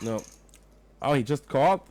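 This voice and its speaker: With a medium-pitched, darkish, expressive voice at normal speed, a young man from Austria talks through a poker livestream and responds to viewers, sometimes reaching for words. His English carries an Austrian German accent, and there's no room sound.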